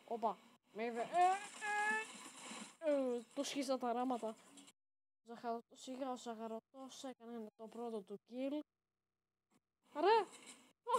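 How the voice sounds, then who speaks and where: A woman with a high voice talks through her own match in casual, running commentary. She gets excitable and bursts into sudden shouted exclamations, with faint background noise under her. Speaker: gaming channel host. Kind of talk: live game commentary.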